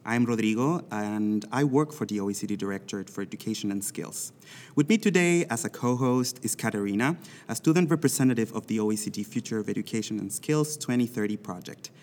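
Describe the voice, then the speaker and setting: A man's voice: fairly low pitch, expressive, fairly quick, a little mellow, big-room sound. A man hosting an education podcast, reading scripted introductions and questions in a formal way. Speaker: podcast host.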